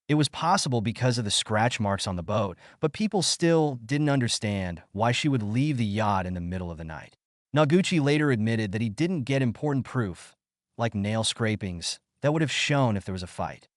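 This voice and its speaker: A man reading a scripted documentary narration in a measured storytelling manner. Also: mid-range voice, no echo, clean studio sound.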